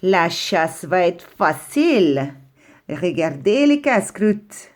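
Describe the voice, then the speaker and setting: A woman voicing a sly, hungry male fox who gloats over his prey with slow, drawn-out words. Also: fairly low pitch, sing-song. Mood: gloating.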